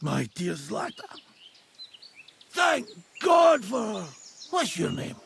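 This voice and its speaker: A male actor playing a drunk, injured huntsman in a video game, slurring like a town drunk in a raspy, self-pitying voice. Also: high-pitched, wildly swooping pitch, slow pace, noisy background, exaggerated voice. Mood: drunken, rambling. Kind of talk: video game character acting.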